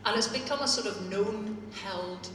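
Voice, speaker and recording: This Northern Irish woman's voice sits at a medium pitch, a bit bright, moving at a normal speed as she gives sharp, witty remarks to a live political crowd. Recorded in a theatre hall, the sound echoes, the mic is distant, and a faint hiss or hum can be heard.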